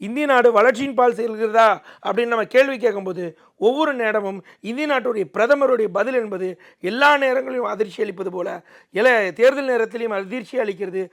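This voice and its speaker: A man with a gravelly voice making an emphatic, oratorical political argument as an interview guest, repeating phrases for effect. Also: high-pitched. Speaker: political commentator, debate guest.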